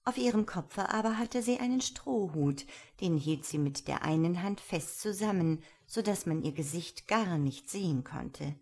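Woman reading a fairy tale, lowish voice. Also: expressive, measured pace, hardly any pauses, a little mellow. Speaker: storyteller. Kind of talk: fairy tale read aloud.

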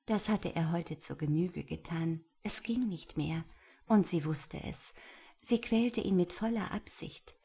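A woman narrating an erotic audiobook in a breathy, half-whispered reading. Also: on the low side, unhurried, warm tone.

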